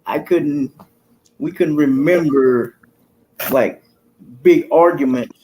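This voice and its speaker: Calm middle-aged man, slightly high voice. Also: slow, slight background noise, low-quality recording. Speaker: guest, husband. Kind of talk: casual chat.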